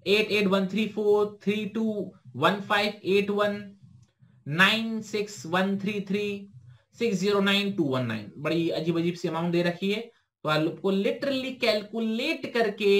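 Young Indian male tutor, high voice, fast explainer who quizzes himself and reads English prompts slowly. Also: fairly bright tone. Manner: brisk explaining, slow careful reading of English questions; asks himself questions and answers them. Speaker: teacher. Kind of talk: exam-prep lesson talk.

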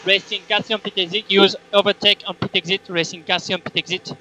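A man's voice: high voice, level tone, quick pace, heavy background noise. A man working as race engineer, giving terse, repetitive, clipped instructions over race car team radio. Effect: team radio transmission.

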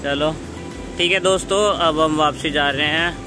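A man's voice: fairly high pitch, fairly even intonation, unhurried, over music, low-quality recording. A young man casually vlogging a walk through a shopping mall, talking straight to his viewers on a phone held at arm's length. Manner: chatty, addresses viewers directly. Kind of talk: casual walking-tour vlog. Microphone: phone front camera at arm's length.

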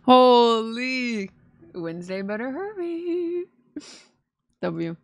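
Speaking extremely slowly in a slightly high, expressive voice, a twenty-something woman streams her playful, slangy, gushing reactions to game trailers. The setting is a small indoor streaming room at home; the audio is dull with no room sound, and faint trailer music lingers behind.

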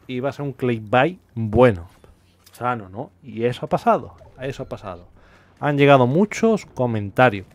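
A man's voice: mid-range voice, lively intonation, moderate pace. Chatty man, emphatic rhetorical questions. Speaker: youtuber host. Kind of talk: casual commentary reacting to comments.

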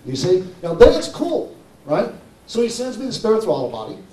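A man's voice: high-pitched, huge pitch swings, moderate pace, dark tone. Emphatic man in an echoey hall. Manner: emphatic, keeps asking "okay?" and "right?". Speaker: speaker presenting his engine modification. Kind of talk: animated conference talk. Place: conference hall. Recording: echoey hall, mic far off.

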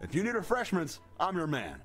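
A man's voice: sits high, huge pitch swings, fairly quick, a bit bright, heavily acted. A man voicing a friendly, welcoming older innkeeper in a game. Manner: welcoming, hearty. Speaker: game character. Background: game music.

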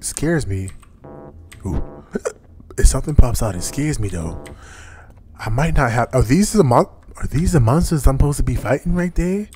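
A man streams a game live and talks the whole time, rambling and chatty as he addresses his viewers. His voice sits at an ordinary middle pitch for a man, and the talk is loose and casual. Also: darkish tone, breathy edge. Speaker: streamer host. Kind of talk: casual live gameplay chat.

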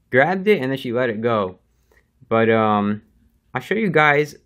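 A young man casually narrating as he feeds his exotic pets, relaxed and chatty with lots of fillers. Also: mid-range voice. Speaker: pet keeper and channel host.

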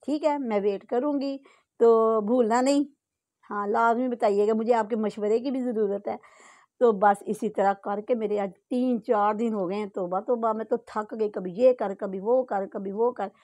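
A woman's voice: a little high, fairly even intonation, normal speed, dark tone, no room sound. A middle-aged woman from Pakistan with a Punjabi-tinged accent, chatting homely to a phone camera at home. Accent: Punjabi-tinged Urdu. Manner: chatty, homely, full of asides. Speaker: home vlogger. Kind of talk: casual chat to camera. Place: home bedroom, indoors.

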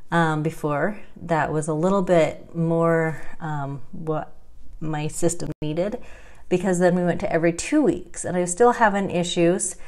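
A vlogger in her thirties talks about her health journey straight into a close webcam, indoors in a small room at home. She speaks with a slightly low voice in a chatty, wry, self-deprecating way, laughing frequently and adding dry asides.

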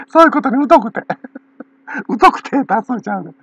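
A woman's voice: fairly high pitch, lively intonation, moderate pace, fairly bright tone, breathy edge, dry recording. A woman with a Kansai accent talking in a rambling casual monologue, laughing often between phrases, on a dull lo-fi recording. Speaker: channel owner.

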